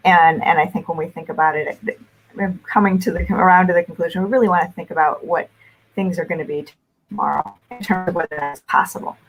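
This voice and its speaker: A woman's voice: lowish voice, steady tone, a little fast, faint music behind, low-quality recording. A woman speaking as a forecaster on a panel over a video call whose audio breaks up, thinking aloud with frequent restarts. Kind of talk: casual panel discussion. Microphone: video call from home setup.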